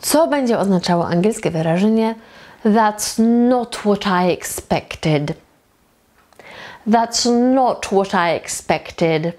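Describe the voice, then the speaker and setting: A woman from Poland leads an English pronunciation lesson, stretching each phrase out slowly so every sound can be heard. Her pitch sits in a middle range, and she speaks at a very unhurried pace. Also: darkish tone. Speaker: English teacher.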